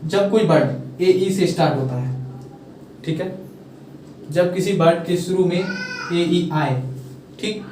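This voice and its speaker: A man teaching English pronunciation in a casual classroom style, repeating his questions and urging viewers to comment quickly. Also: high voice, background noise. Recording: very echoey room, mic at a distance.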